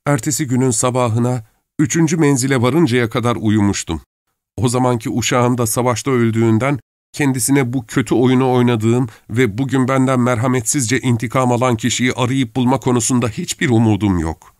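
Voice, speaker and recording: A man voicing a remorseful young nobleman confessing in a measured way. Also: mid-range voice, darkish tone, dry recording, studio quality, close to an everyday voice. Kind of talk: audiobook character voice.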